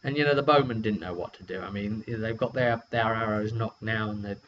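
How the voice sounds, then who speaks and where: A British man with a fairly quick, low-leaning voice rambles hesitantly and chattily through a casual, unscripted recap of a tabletop game session he ran as game master. He is also a vidcast host, and the dull lo-fi recording carries a steady hum.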